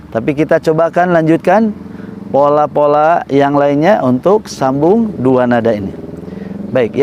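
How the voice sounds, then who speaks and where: A man teaching Quran recitation melodies, explaining slowly and patiently and chanting sung examples. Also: on the high side, darkish tone, slight background noise. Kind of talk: recitation tutorial.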